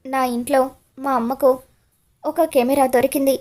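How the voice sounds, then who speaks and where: Angry young guy yelling accusations, a woman reading him, highish voice. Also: little pitch movement, moderate pace. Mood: angry accusing. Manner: shouting, accusing. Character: furious young man accusing his stepmother.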